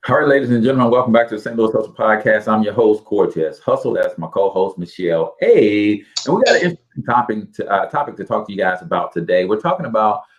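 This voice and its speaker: A man in his forties hosting a casual podcast, telling animated, folksy stories that lean on church sayings. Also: on the low side, quick pace, few pauses, dull audio. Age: 40s. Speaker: podcast host.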